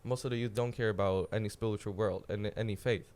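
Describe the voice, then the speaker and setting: Teen male podcast guest, Polish accent, non-native, halting with fillers, clean tone. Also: lowish voice, fairly even intonation, darkish tone. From Poland. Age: teens. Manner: searching for words, many fillers and restarts. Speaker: guest, student youth leader. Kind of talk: casual podcast chat.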